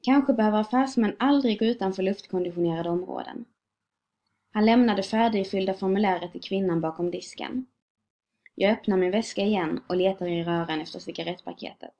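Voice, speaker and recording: A woman reading a short story aloud in a calm, measured way. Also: mid-range voice. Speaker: reader. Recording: dull lo-fi recording.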